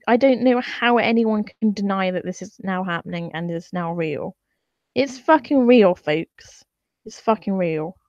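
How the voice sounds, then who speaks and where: A woman's voice: mid-range voice, dry recording, lo-fi sound. A woman talking to camera in an opinionated vlog, exasperated and sarcastic, swearing freely as she reads out and explains graphs. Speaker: vlogger.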